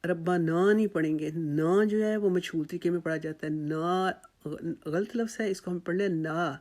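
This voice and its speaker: A patient recitation teacher walks through tajweed pronunciation one word at a time, explaining how each sound is formed before repeating it slowly several times. The voice is mellow and warm, and the words are carefully stretched out whenever a sound is modelled. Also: medium pitch.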